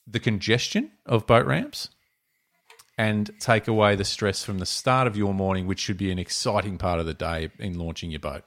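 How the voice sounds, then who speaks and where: An Australian man with a fairly low voice talks casually as a co-host. His speech is colloquial, and he works out his thoughts aloud as he goes. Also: normal speed, fairly bright tone. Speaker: podcast co-host. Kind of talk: casual chat.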